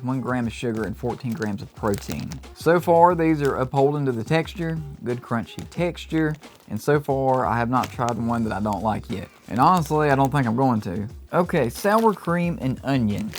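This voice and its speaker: A man giving an enthusiastic, casual review of low-carb snacks, reacting as he tastes them. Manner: upbeat, enthusiastic tasting reactions. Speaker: food reviewer. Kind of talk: casual product review vlog.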